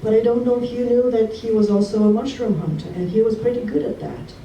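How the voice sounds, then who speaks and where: A woman from Russia speaks a heartfelt eulogy in a very mellow, dark voice, pausing often. She sounds far from the microphone in a roomy hall, with a faint hiss underneath. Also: on the high side, lo-fi sound. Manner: heartfelt, halting, with pauses. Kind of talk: memorial tribute speech. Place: memorial gathering hall.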